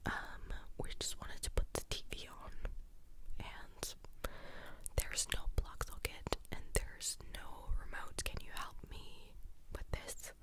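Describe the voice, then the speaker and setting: Young woman's clicky ear-to-ear whisper. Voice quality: breathy, clicky unvoiced whisper. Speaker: ASMR creator telling stories. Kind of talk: ASMR whispered storytime ramble. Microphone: close ASMR stereo mic at the ear.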